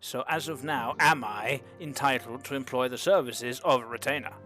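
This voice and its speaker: A man's voice: medium pitch, moderate pace, pushed and bright, faint music behind. A young man streaming a game, bantering sarcastically and reading the on-screen dialogue in a mock-formal voice. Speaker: streamer playing a game for the first time. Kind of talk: casual live-stream banter.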